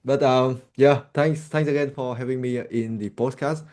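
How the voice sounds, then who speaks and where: Mellow-voiced Vietnamese man, halting. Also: mid-range voice, fairly even intonation. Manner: hesitant, many restarts and fillers. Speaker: guest. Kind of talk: casual interview chat.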